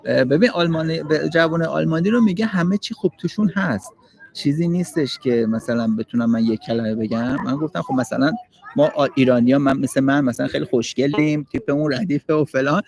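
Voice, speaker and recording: A man's voice: medium pitch, creaky, a little mellow, low-quality recording. A man hosting a casual live stream, joking with viewers and translating a passer-by's answers. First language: Persian. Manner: switches between chatty, joking talk and slow, halting questions in a second language.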